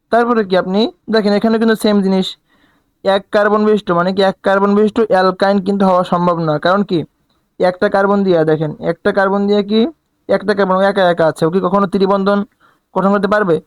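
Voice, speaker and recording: A man with a high voice teaches a chemistry lesson, asking his students questions and answering them himself. He counts aloud and talks in an easy, colloquial way. The sound is dry and close, with no room around it. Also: clear, resonant tone, no echo. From Bangladesh. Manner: colloquial, dialect forms. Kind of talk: recorded lecture at a board.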